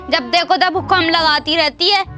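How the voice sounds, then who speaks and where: A woman's voice: very high voice, normal speed, sharp tone, soft background music. A woman playing a fed-up housemaid who mutters sarcastic complaints about her mistress in a comedy skit. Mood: grumbling.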